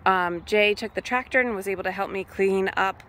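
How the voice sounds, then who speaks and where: A woman strolls through her vegetable garden outdoors and chats about her plants in a loose, thinking-aloud way, often pausing on "um." Her voice sits at an ordinary pitch, with a faint hiss of outdoor noise behind her. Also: a bit bright. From Massachusetts, USA. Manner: chatty, thinking aloud with many ums. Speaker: homesteader giving a garden tour. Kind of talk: casual walk-through vlog.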